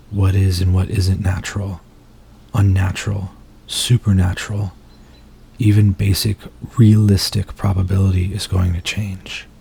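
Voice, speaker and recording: For an ASMR roleplay, a man plays an anguished werewolf in human form, pleading in an intimate, halting, confessional way. His gravelly voice is low-pitched and warm, and the performance is heavily acted.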